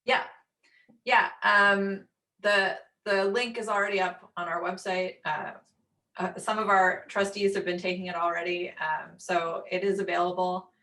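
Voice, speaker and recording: A woman's voice: fairly low pitch, flat delivery, a little slow, bright, forceful tone. A woman on an online webinar panel giving informal, practical answers to audience questions. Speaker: staff member on a webinar panel.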